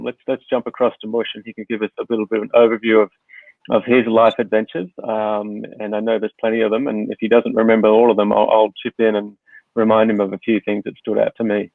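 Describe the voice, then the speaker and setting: A man hosting a podcast over a video call, speaking in a relaxed, rambling way with lots of fillers. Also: on the low side, gravelly, dry recording. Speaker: podcast host. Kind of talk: casual conversational interview. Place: home in Hong Kong. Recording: dry, tinny phone-like line.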